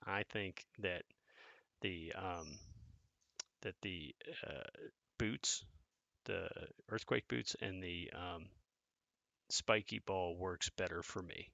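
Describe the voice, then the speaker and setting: Gravelly low-voiced man commenting on gameplay. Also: bright, forceful tone, dry recording, dull audio. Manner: casual, thinks aloud, chats with viewers. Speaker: gaming content creator.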